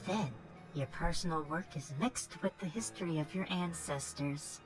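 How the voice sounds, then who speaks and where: A woman voicing a knowing, encouraging witch mentor in a game, speaking in a measured, theatrical way. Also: deep voice, over music, natural voice.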